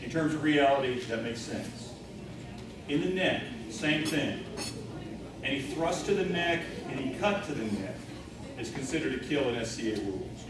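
A man's voice: medium pitch, lively intonation, normal speed. Man, blunt lecture, big echoey meeting room, distant camera, audible room noise. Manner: blunt, matter-of-fact, anatomical detail. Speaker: keynote speaker. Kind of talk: lecture with demonstration. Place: large hotel meeting room. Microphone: far camera, no visible mic.

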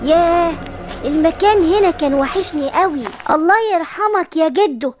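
A woman's voice: very high voice, moderate pace, soft background music. A woman with an Egyptian Arabic accent voicing a young cartoon boy who is jumpy and easily scared. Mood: wondering. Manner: excitable, panicky cries. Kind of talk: cartoon voice acting.

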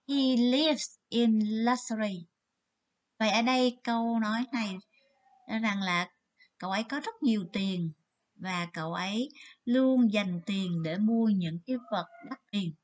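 A woman teacher with a Vietnamese accent giving a vocabulary lesson, reading English words and explaining them in Vietnamese. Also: a little high. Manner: slow and careful, switching between English words and Vietnamese explanations. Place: Nha Trang school.

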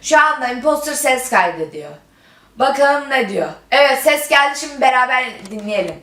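A woman's voice: sits high, animated, moderate pace, sharp tone, a little hiss or hum. A woman YouTuber talking in a dramatic, indignant way, reading chat messages aloud. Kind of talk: dramatic gaming vlog. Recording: roomy echo.

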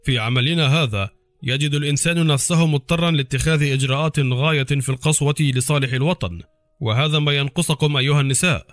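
A man's voice: fairly high pitch, quick pace, fairly bright tone, no room sound, natural voice. Narrator as a hard cold spy guy, curt and dry, close dry mic, faint music. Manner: curt, cool delivery.

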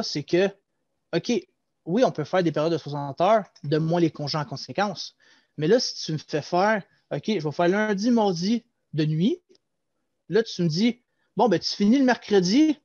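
With no echo and a high-sitting voice at normal speed, a young man with a Québécois French accent holds forth energetically as the guest of a casual video-call interview. He used to be a loss-prevention agent and gestures as he explains things at length. The dull lo-fi audio comes through a headset in a small home room.

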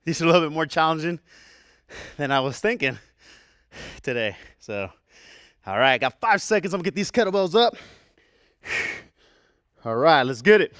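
A man's voice: on the high side, lively intonation, normal speed, long pauses, a bit bright, clear, resonant tone, dry recording, studio quality. Panting male fitness coach counting reps. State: out of breath. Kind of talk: workout instruction.

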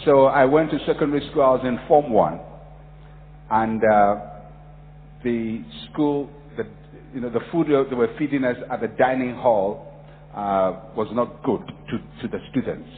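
A man's voice: mid-range voice, unhurried, slight background noise. Preaching man in a reverberant hall. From Ghana. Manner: emphatic, repetitive, storytelling. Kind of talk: sermon. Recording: phone-like audio in a reverberant hall.

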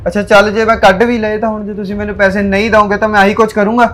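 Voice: medium pitch, flat delivery, very fast, fairly bright tone, lightly acted. An actor playing a cheeky teenage son who argues back with his mother. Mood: defiant. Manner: cheeky, argumentative.

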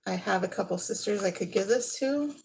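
In her living room, a vlogger in her thirties talks casually through her thrift haul, describing each piece as she picks it up. She has a mid-range, creaky, slightly mellow voice with lively intonation. Her pace is unhurried, she trails off as she handles items, and there's slight background noise.

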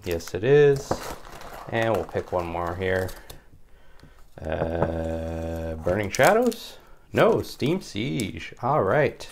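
A man's voice: on the low side, creaky, background noise. A man hosting a casual, upbeat card-opening and giveaway vlog, chatting directly to viewers and often repeating his phrases. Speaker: YouTube host of a trading card channel.

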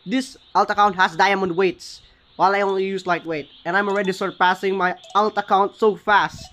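A man giving casual, excited gameplay commentary, often stopping to correct his own words. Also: sits high, moderate pace, slight background noise. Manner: excited, often corrects himself mid-sentence. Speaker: gaming channel host.

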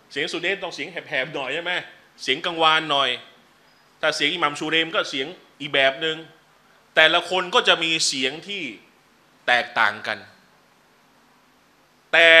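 A man teaching a relaxed religious class, chatting with joking asides between numbered teaching points. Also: on the high side. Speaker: Islamic teacher. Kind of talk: casual religious lecture. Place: lecture venue.

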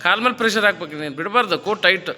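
A man's voice: high-pitched, very fast, bright, forceful tone, rough recording. A male fitness trainer coaching a client through a gym workout, encouraging her, counting reps and cueing her breathing.

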